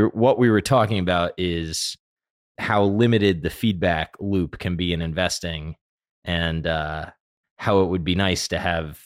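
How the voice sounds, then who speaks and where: Deep voiced guy hosting a podcast, dry sound, part scripted part just chatting. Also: no echo. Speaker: podcast host. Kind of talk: scripted intro and casual interview chat.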